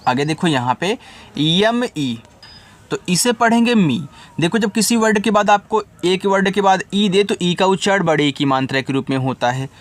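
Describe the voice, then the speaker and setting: Spelling words out one letter at a time, a man from India teaches English and then patiently explains how each word should be read. His voice sits high and he keeps a moderate pace in this spelling lesson.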